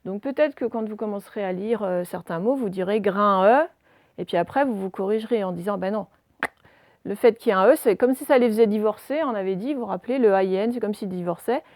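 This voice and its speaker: A woman teacher giving a reading lesson to young children, spelling out letters slowly and checking in often. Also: medium pitch, darkish tone, no echo, studio quality.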